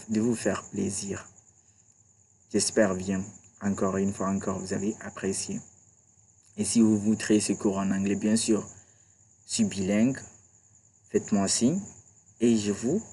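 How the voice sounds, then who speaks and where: This IT tutorial instructor has a fairly low, mellow voice with a breathy edge. Teaching over a screen recording, he stays chatty, checks in with viewers again and again, and leans on "d'accord" and "voilà."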